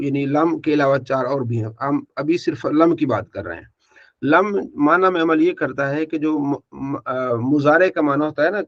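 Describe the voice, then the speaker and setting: A man's voice: fairly high pitch, a bit bright, lo-fi sound. A man teaching an online Arabic grammar class, asking questions and then answering them himself while he repeats verb forms in a drilling way.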